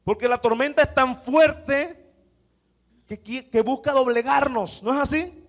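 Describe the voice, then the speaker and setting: High-voiced pastor preaching with drama. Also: male voice, a little slow. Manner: dramatic, acts out the disciples' panic and swings from loud to hushed; rhetorical questions to the congregation. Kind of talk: sermon.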